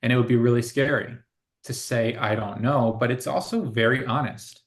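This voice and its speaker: A man's voice: mid-range voice, moderate pace. A man co-hosting a casual spiritual conversation, speaking in an earnest, reflective way and laughing often. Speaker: co-host.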